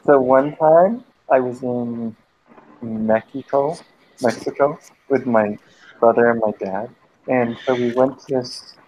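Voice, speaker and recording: This American man takes his time spinning a long, meandering, foul-mouthed tale for friends on a group voice call, occasionally breaking off to bark at whoever interrupts. His medium-pitched voice is a little mellow. Expect muffled, low-quality chat audio with slight hiss or hum.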